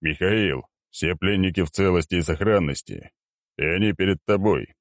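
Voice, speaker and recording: A tough commander speaks low and few words, unbothered, voiced by a male narrator. The read is dry and close-miked. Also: normal speed, no room sound. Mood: stoic. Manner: curt, understated.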